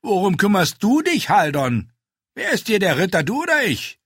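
A man voicing a big, brash, bearded knight who talks loud and boastful in a storybook reading. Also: fairly high pitch, very animated, unhurried, husky, no echo, clean studio sound, voice pushed up, heavily acted. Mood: boisterous.

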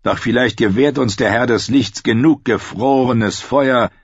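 A man voicing a stern, curt middle-aged king who speaks in a clipped, commanding way with a husky voice. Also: medium pitch, unhurried, no room sound, pitched above the performer's own voice. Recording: dull lo-fi audio.

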